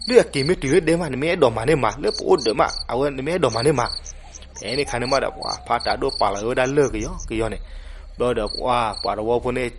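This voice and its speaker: A man narrating a folk legend, animated and switching voices for the characters. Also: medium pitch, very fast. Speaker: storyteller. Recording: noisy recording with crickets behind.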